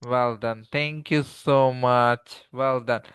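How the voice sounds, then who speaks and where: A man's voice: mid-range voice, steady tone, extremely slow, fairly bright tone, clear, resonant tone. A man with a Bangladeshi accent teaching a spoken English lesson in an online class, explaining patiently and often checking with the students.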